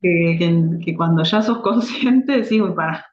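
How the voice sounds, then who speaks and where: A middle-aged woman with a Rioplatense Spanish accent, a reflexology therapist calmly explaining her ideas as a podcast guest. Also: mid-range voice, measured pace. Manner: reflective, explanatory, with frequent restarts. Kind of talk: conversational interview. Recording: echoey, dull lo-fi remote audio.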